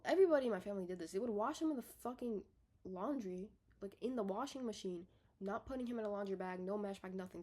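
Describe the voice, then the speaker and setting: Rambling in her bedroom, a young woman records an unedited, casual video diary. Out of breath, she swears offhandedly, keeps correcting herself and lets her sentences fade off softly, all in a mid-range voice.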